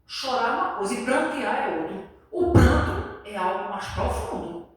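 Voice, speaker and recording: A man's voice: extremely high pitch, very animated, moderate pace. A man preaching an impassioned sermon, acting out the voices of others. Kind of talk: sermon, Bible study. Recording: echoey room, voice far from mic.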